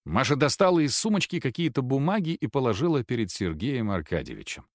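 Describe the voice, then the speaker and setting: A male narrator reading a story in a measured, steady way. His pitch moves a lot, and the recording is dry and close. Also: dry recording. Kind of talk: scripted narration.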